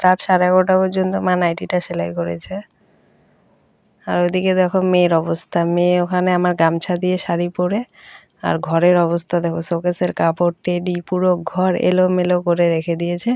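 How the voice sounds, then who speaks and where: A young woman vlogger chatting casually through a home voice-over, speaking softly and often checking in with her viewers. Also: fairly low pitch, gravelly, dull audio. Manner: speaks softly late at night. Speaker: daily-life vlogger.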